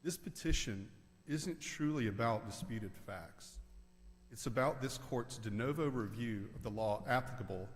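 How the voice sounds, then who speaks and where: A man's voice: mid-range voice, normal speed, soft background music. Man arguing formally in a reverberant hall. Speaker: appellate lawyer. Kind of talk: formal legal oral argument. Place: large indoor auditorium.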